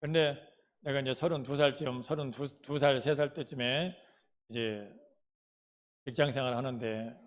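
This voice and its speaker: A middle-aged male pastor with a Jeolla dialect preaches in a down-to-earth, storytelling way. His voice sits at an ordinary mid-range pitch, and he often turns to his listeners with questions while recounting his own hardships. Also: steady tone, moderate pace. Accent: Jeolla Korean dialect. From Jeolla province, Korea. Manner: folksy storytelling, asks the congregation questions. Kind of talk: sermon with personal testimony.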